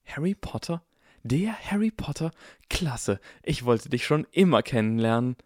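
A man's voice: medium pitch, expressive, unhurried, dry recording, clean studio sound. A man playing a haughty, spoiled boy aristocrat. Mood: starstruck. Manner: drawling, arrogant, condescending. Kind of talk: audiobook character voice.

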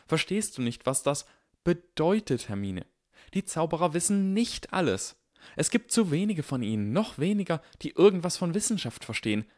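A man voicing a clever, excitable young schoolboy wizard in an audiobook, eager and lecturing. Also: mid-range voice, moderate pace, no room sound, studio quality, voice pushed up, natural voice. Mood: insistent. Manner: eager, lecturing, barely restrained. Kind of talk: audiobook character voice.

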